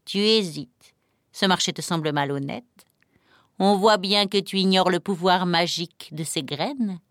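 A woman's voice: fairly low pitch, a little slow, a bit bright, no room sound, clean studio sound. A woman voicing a sly old man who sells magic beans, coaxing and dropping to a whisper. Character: sly old male bean seller.

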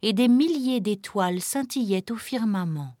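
Lively woman reading a storybook. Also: medium pitch, moderate pace, over loud music. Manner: expressive, gentle reading. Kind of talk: storybook narration.

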